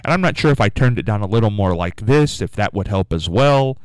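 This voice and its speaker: Rather low in pitch, this man's voice is a little mellow, clear and resonant, with lively intonation and a slightly quick pace. He hosts a morning call-in radio show, chatting in a rambling, musing manner and asking listeners to phone in. Recorded on a studio microphone in a radio studio, it has no room sound.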